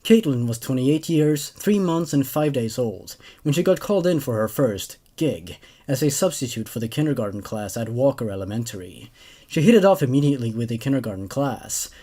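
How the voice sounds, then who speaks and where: A man in his twenties hosts a horror story reading show, narrating scripted tales with casual commentary in an expressive, animated way. His mid-range voice moves a little fast, recorded on a large condenser desk microphone in a small room at home.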